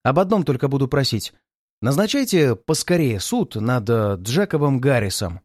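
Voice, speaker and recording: A man reading aloud and voicing a cool-headed male detective in disguise who explains his plans calmly and deliberately. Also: mid-range voice, no echo, clean studio sound.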